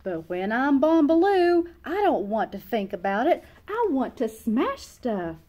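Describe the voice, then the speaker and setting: In a small reading room or classroom, a storyteller in her thirties reads a picture book aloud, expressively playing out the emotions of its young narrator. She speaks at a measured pace in a high, warm voice with big swings in pitch.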